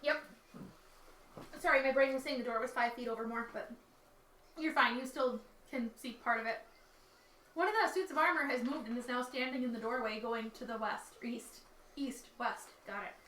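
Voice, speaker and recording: A high-pitched woman with a bright voice runs a tabletop game at the table, chatty and quick to laugh. She is heard from a distance in an echoey room, with faint noise underneath. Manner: chatty, laughs often, self-correcting. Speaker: dungeon master. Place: dining room table with players.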